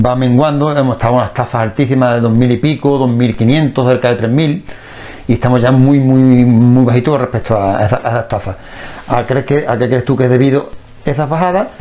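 A male host who talks at a brisk clip in a relaxed radio-style chat. He often jumps in with short remarks and stumbles into repeated words as he goes. His pitch sits right in the middle. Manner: quick interjections, stammering repeats. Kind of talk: casual radio-style conversation.

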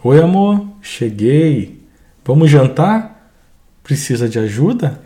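A man with a Brazilian accent playing a husband in a short skit, first rude and demanding about dinner, then gentle and helpful. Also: fairly high pitch, very animated, slow pace. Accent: Brazilian Portuguese. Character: rude hungry husband, then a kind one.

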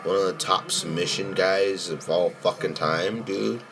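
A man's voice: deep voice, fairly even intonation, measured pace, crowd noise. A man giving informal, slangy, enthusiastic commentary on a fight video as a fan, swearing freely. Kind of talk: casual reaction commentary with heavy swearing and slang.

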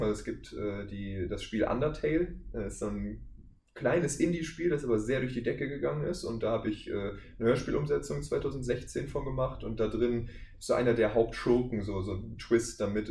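A man with a fairly low, darkish voice talks as a guest on a casual podcast interview. He's a voice actor and audio drama maker, and he explains his work informally and conversationally. The room is echoey, with faint background noise.

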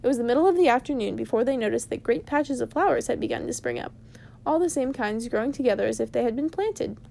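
A woman reading a storybook aloud to her brother at a steady, unhurried pace. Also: on the high side, gravelly. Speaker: reader. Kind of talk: storybook read-aloud narration.

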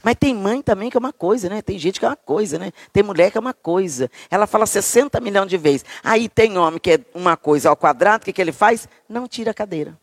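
A woman's voice: medium pitch, expressive, quick pace, hardly any pauses, husky, no room sound. A middle-aged woman pastor giving a chatty, folksy sermon in a church, often asking the crowd for agreement. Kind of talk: conversational sermon.

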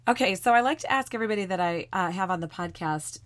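A woman's voice: mid-range voice, quick pace. A woman hosting a podcast in a casual interview style. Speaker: podcast host.

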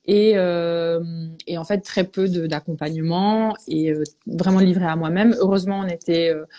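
A woman's voice: on the low side, fairly even intonation, moderate pace, mellow, muffled recording. A woman from Belgium, a veterinarian guest, tells her story in a reflective, hesitant way in a casual podcast interview.

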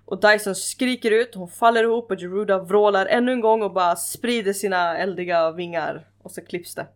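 A woman in casual chat, telling a story in a lively, informal way. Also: medium pitch.

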